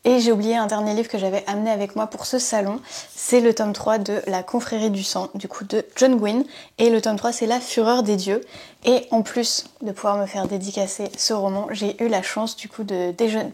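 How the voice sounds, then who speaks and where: A woman's voice: medium pitch, mellow. A woman in her late twenties, a bookseller from France, chatting casually in a book haul vlog with many fillers, sometimes reading passages aloud. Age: late 20s.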